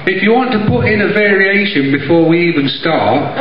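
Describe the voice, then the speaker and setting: A man with an East Midlands accent from Derbyshire calls out dance steps in a chatty, joking way. His fairly high voice swings up and down. It comes through a dull recording in a very echoey hall with an audience around. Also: expressive, fairly quick, crowd noise. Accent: East Midlands English, Derbyshire. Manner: jokey, chatty, calling out steps. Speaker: line dance teacher. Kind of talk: live dance instruction, counting steps. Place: stage in a community hall. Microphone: handheld microphone through PA, recorded from the audience.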